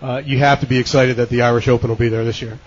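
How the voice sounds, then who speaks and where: Fast-talking, husky male radio co-host. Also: mid-range voice, flat delivery. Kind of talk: casual radio chat. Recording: dull radio broadcast audio.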